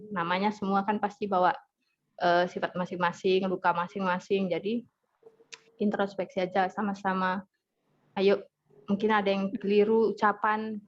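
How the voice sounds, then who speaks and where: Woman, parenting talk, lively storytelling, dull lo-fi sound. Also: medium pitch. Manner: chatty, storytelling, acts out family dialogue. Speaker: hypnotherapist speaker. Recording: dull lo-fi audio with faint noise.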